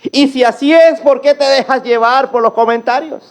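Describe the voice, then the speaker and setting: A male pastor preaching a sermon with emphatic rhetorical questions, swinging between hushed low phrases and loud rising calls. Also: moderate pace.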